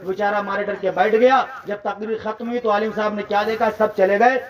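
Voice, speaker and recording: High-voiced man preaching to a gathering. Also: flat delivery, fairly quick, recorded from a distance, poor audio. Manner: impassioned, rising to shouts, prompts audience chants. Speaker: maulana preaching. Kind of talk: Urdu-Hindi religious sermon with storytelling. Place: large religious gathering.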